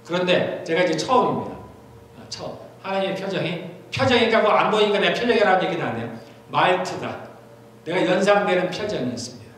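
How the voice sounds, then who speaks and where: A man's voice: high voice, lively intonation, fast, fairly bright tone. A middle-aged man preaching a sermon as pastor, talking in a conversational way and repeating key phrases for emphasis. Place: church sanctuary. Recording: very echoey church hall, faint noise.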